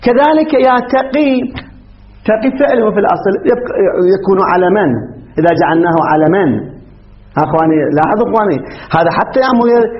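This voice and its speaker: A man's voice: high voice, animated, quick pace. A man teaching a grammar class, explaining step by step and quizzing his students. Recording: dull muffled lesson recording, faint hiss.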